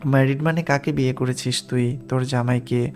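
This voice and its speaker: A man's voice: mid-range voice, steady tone, fairly quick, a little mellow, soft background music, close to an everyday voice. A man voicing a frightened young woman who pleads urgently, in an audiobook reading. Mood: anxious.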